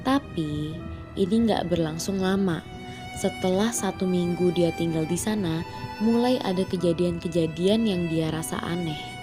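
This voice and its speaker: A woman's voice: on the low side, measured pace. A woman with a speech impediment on her R sounds tells horror stories as a chatty channel host, mixing in English words. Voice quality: cannot roll her R sounds, a lisp-like R. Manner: chatty, addresses listeners as guys, English words mixed in. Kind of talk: casual scripted-feel horror storytelling. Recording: voice over background music. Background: music.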